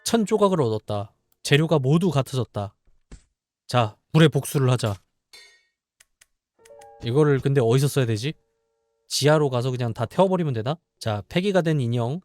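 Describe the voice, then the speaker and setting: A man's voice: medium pitch, expressive, moderate pace, pauses often, darkish tone, soft background music. Man casually muttering over a horror game. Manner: muttering asides, reading game text aloud. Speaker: game streamer. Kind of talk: casual let's-play commentary.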